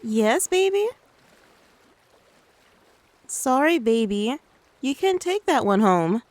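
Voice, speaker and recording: A tender, doting mother, as a woman puts her on for an ASMR role-play, coaxing the listener like a little one. Her voice sits high and unhurried. The sound is dry and close. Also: big pitch swings, no echo. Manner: soothing, coaxing, talks to the listener as a child. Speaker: ASMR creator.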